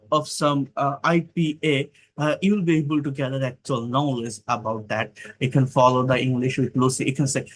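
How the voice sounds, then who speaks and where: English tutor, Bengali-man, slightly high voice, slow repeated reading then brisk coaching. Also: fairly bright tone. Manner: slow, repeats phrases while reading dialogue. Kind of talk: online English class.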